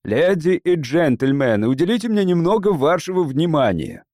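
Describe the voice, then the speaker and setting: A composed English member of parliament, voiced by the narrator addressing a crowd in a spoken novel. His delivery is measured and persuasive, with lively pitch swings and a dry, close sound. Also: dry recording. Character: patient, determined English male politician.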